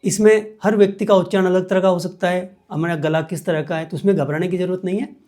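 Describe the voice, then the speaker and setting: A man's voice: sits high, steady tone, quick pace, a little mellow. A man teaching meditation as a guest, explaining each step patiently and repeating key points. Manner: patient, repetitive step-by-step instruction.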